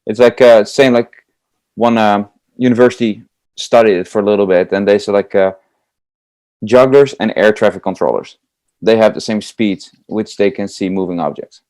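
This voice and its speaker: At normal speed, a fairly low, darkish-toned male voice comes through with no echo. He is a young comedy juggler from the Netherlands with a Dutch accent, chatting eagerly through interview questions with many fillers.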